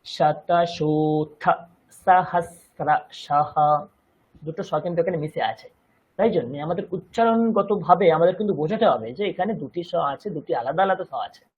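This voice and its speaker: Male language teacher with a Bengali accent, measured and careful, fairly high voice, muffled lo-fi sound. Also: expressive, darkish tone, husky. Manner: slow, deliberate, chants verses syllable by syllable. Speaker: Sanskrit teacher. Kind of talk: online language lesson.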